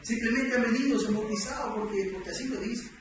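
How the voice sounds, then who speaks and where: High-voiced preacher in an echoing church. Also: male voice, fast. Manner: emphatic, rhetorical questions, acts out dialogues. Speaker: preacher teaching doctrine. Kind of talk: sermon. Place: large church hall. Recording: echoey church hall, voice from a distance, background noise.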